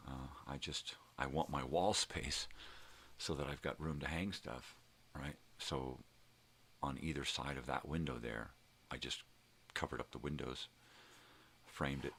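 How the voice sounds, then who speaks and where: In a room at home, an older man hosts a personal video log, chatting casually in a folksy, rambling, salty manner. His voice is extremely low and creaky yet fairly bright, with noticeable background noise.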